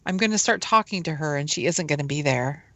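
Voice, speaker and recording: A woman's voice: sits low, animated, pushed and bright, no room sound. Chatty woman podcast co-host, dry sound. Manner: chatty, laughs often, halting with fillers. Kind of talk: casual podcast chat. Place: Seattle.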